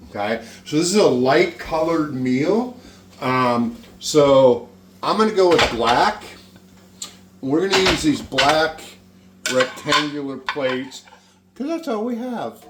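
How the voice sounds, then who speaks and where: A man hosting a casual cooking demonstration in a folksy, joking way, with some swearing. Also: medium pitch. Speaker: cooking show host. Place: indoor kitchen. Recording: roomy, distant mic, faint kitchen noise.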